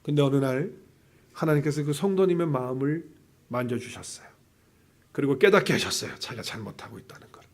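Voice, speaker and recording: A male pastor preaching a sermon emphatically, swinging from hushed asides to loud, insistent points and asking rhetorical questions. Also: mid-range voice, animated, brisk.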